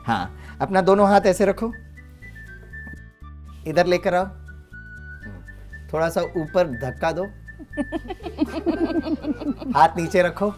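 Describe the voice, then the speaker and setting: A man's voice: high-pitched, lively intonation, slow, long pauses, faint music behind. A man who teaches, giving a storytelling talk to children and acting out his own lines with big shifts in tone, chuckling often. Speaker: teacher and guest speaker for children.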